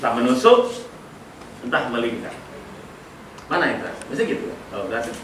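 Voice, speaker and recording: A middle-aged man leading a school workshop, telling a story with lively acted-out dialogue. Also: mid-range voice, fairly quick. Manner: animated storyteller, acting out dialogue with laughter. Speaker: workshop speaker. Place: school hall. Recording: echoey hall, voice from a distance, noisy.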